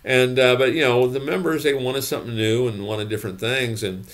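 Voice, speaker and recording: A man's voice: medium pitch, steady tone, fairly quick. An older man in his sixties, a gym business consultant, giving emphatic advice to camera from a home office, repeating his points and checking in with "okay?". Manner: emphatic, repeats phrases, frequent "okay?" and "you know".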